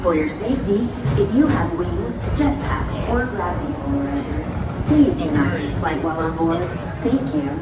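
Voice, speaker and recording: Woman's announcement over an outdoor loudspeaker. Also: mid-range voice, animated, loud music behind the voice. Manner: polite, measured, formal. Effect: outdoor ride loudspeaker. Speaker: ride announcer. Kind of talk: scripted safety announcements. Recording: echoey loudspeaker from far off, noisy.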